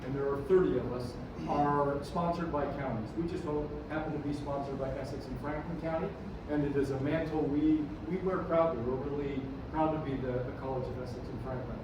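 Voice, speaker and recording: A man's voice: mid-range voice, fairly even intonation, brisk, few pauses. A man giving a conversational public presentation as a college president, often hesitating and repeating words as he goes. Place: large echoing room at a conference. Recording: echoey hall, distant mic, noisy.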